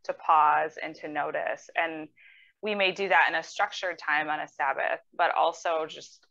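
Measured counselor woman, bright and lo-fi. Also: sits low, steady tone, vocal fry. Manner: measured, thoughtful explanations. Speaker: mental health counselor. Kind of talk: interview guest.

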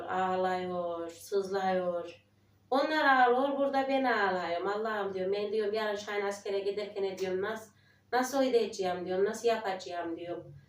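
Recorded from a distance in an echoey room, this village life vlogger in her forties has a mid-range, slightly mellow voice. She chats casually and emotionally with her viewers, her voice trembling and prayerful, tearful at times, quoting other people.

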